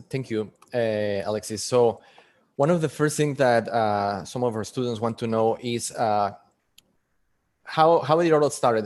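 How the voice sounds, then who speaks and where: A man asking the panel prepared student questions in a polite, measured way. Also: mid-range voice, darkish tone. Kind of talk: interview questions.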